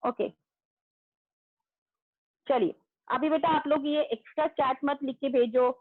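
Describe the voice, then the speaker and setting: A high-pitched woman teaches young pupils in an online class. She speaks loudly, names students one after another and praises correct answers. The audio is tinny and phone-like, with no room echo. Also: fairly even intonation, a little slow. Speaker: school teacher.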